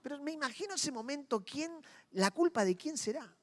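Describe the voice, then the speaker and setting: A male pastor with a Rioplatense Spanish accent preaching a dramatic sermon, dropping to quiet moments and rising to loud ones as he acts out inner voices. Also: very high-pitched, expressive, brisk, in a large hall.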